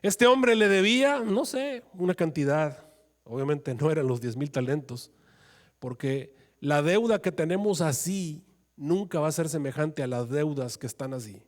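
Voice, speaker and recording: A man preaching a sermon as pastor, swinging from raised pleading to soft, low asides. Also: expressive, moderate pace. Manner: preaching with sudden rises into pleading, acted quotes of prayer.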